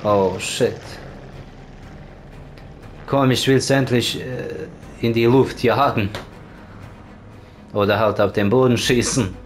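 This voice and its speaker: A man's voice: medium pitch, fairly even intonation, slow pace, pauses often. A man giving casual commentary on his gameplay, swearing often and urging the game on with repeated words. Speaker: let's play gamer. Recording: voice over loud game music and gunfire. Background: game music and gunfire.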